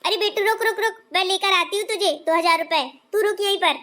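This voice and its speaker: A woman's voice: very high voice, fairly even intonation, fairly quick, pushed and bright. A woman voicing a scolding older mother-in-law in a cartoon family story, who exclaims and fusses and then soothes. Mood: pleading.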